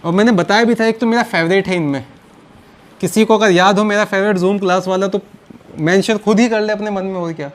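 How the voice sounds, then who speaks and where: A man teaching a biology lecture to students, mixing Hindi and English and slowly repeating key terms, fondly calling them children. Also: sits high, fairly even intonation. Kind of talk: recorded online lecture.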